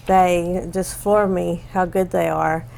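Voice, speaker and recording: A middle-aged woman co-hosts a casual chat about a play. Her voice has a gravelly fry, and she laughs easily and trips over hard names as she reads. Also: fairly low pitch, little pitch movement, slow pace, slight background noise. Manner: giggly, warm, stumbles over names. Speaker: theater review co-host.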